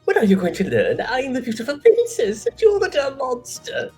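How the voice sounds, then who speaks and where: A woman voicing a haughty, mean princess in a video game, with a regal, imperious, drawn-out delivery. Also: high voice, wildly swooping pitch, dark tone, slightly rough, faint music behind, exaggerated voice. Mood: mocking, haughty. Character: haughty, mean, beautiful human princess, spiteful and taunting. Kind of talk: game character voice-over, playful live read.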